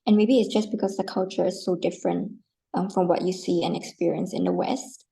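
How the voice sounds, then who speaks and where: A woman from Singapore talks as a podcast guest in a relaxed, friendly manner. Her voice is mellow and dark, with a gravelly fry, and she leans on casual fillers. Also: on the low side, fairly quick. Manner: friendly, uses filler like and you know. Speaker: guest, art publisher. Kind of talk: conversational interview.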